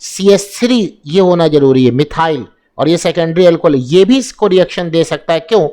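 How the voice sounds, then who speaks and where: Hindi-speaking man teaching chemistry, high voice. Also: moderate pace, mellow. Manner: asks and answers his own questions, repeating key terms. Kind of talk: exam-prep lesson explaining reactions.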